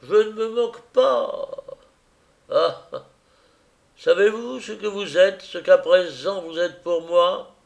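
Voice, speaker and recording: A man voicing a drunk, overwrought middle-aged man who pleads and mocks in a high, loud, swooping voice. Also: slow, creaky, long pauses, full character voice. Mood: agitated.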